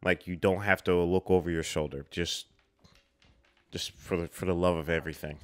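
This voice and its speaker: A man's voice: low voice, steady tone, normal speed, soft background music. A man hosting a film reaction, exclaiming, repeating himself and laughing often as he comments.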